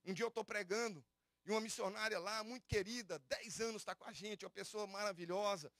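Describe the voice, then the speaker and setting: A man preaching a fervent sermon, calling the congregation beloved and brothers and rising to shouts on key phrases. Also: high voice, a little fast, no room sound, studio quality. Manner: addresses listeners as "amado" and "irmão". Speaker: pastor. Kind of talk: Pentecostal-style sermon.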